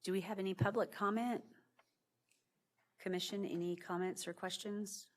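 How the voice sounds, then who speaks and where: A woman chairing a city meeting as mayor, moving briskly through the agenda. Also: medium pitch, steady tone.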